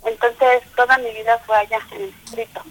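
In a rough telephone recording, a Mexican small business owner, a middle-aged woman from Mexico City, tells her story on a casual call-in interview. Her fairly high, somewhat bright voice is flat and fairly quick, and she's chatty with many fillers and bursts of laughter in a Mexican Spanish accent.

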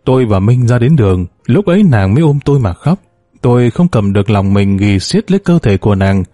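A man calmly reading a first-person story aloud, voicing every character in his own even tone. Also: medium pitch, fairly quick, no echo, soft background music. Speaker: audiobook narrator.

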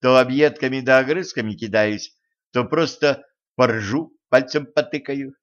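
A man's voice: mid-range voice, unhurried, dull audio, pitched above the performer's own voice, close to an everyday voice. A man reading an audiobook, voicing a haughty, spoiled young tsarevna who talks in a brash, mocking, folksy way. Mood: boastful.

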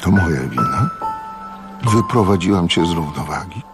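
A man's voice: low-pitched, expressive, moderate pace, over music. A man voicing a touchy, theatrical glamorous woman. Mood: conciliatory. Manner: indignant, theatrical. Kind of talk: radio audiobook reading.

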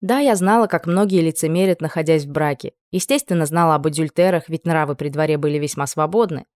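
A woman narrating a first-person novel in a lively, ironic manner. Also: low-pitched, quick pace, dry recording. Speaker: audiobook narrator.

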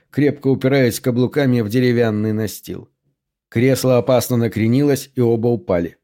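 A man narrating a horror novel in a steady, measured reading style. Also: mid-range voice. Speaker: audiobook narrator. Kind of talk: scripted narration.

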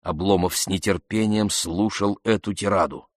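A man slowly reading a classic novel aloud as narrator, in a measured, even way. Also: low voice, no room sound, studio quality. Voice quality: slow, measured delivery. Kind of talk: audiobook reading.

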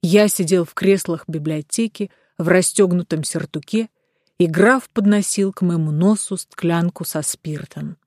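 A woman narrating an audiobook in a measured, steady reading. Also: fairly low pitch, no room sound, studio quality.

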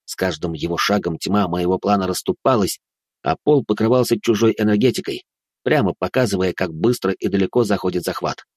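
A man with a lowish voice reading a first-person fantasy audiobook, steady and dramatic in delivery. Close, dry, studio-like sound with no room echo. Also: brisk, husky. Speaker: audiobook narrator.

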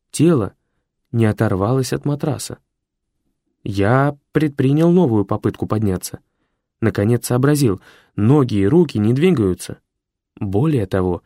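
A man narrating a first-person story as an audiobook, in a steady, measured way. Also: mid-range voice, no echo, studio quality.

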